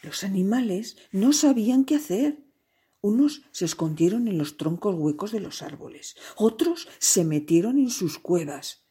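Woman storyteller, children's tale, slow and breathy, lively rise and fall. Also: medium pitch. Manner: expressive, slow and playful, with sound effects.

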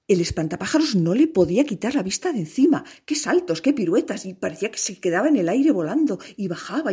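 A woman narrating a children's tale in an expressive, unhurried way. Her voice is husky and a little low, and she adds small sighs and asides as she goes. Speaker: storyteller. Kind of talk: oral storytelling.

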